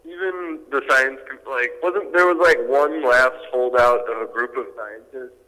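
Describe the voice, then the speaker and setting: A man's voice: mid-range voice, normal speed, bright, forceful tone, long reverb tail, rough recording. A young man talking casually over a phone speaker, rambling with lots of fillers and restarts. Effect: heard over a phone speaker. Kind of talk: casual chat.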